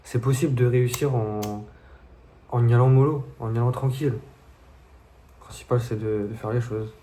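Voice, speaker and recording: A man's voice: medium pitch, fairly even intonation, brisk, dark tone. A young man telling stories to his viewers in a casual, slangy, laid-back way. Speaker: vlogger. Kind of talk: casual storytelling monologue to viewers.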